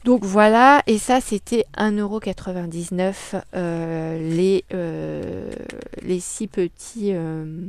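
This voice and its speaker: A woman's voice: lowish voice, fairly even intonation, slow pace. A woman chatting casually in a crafting haul vlog, hesitating often with many fillers. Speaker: crafting vlogger. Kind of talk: casual haul video chat.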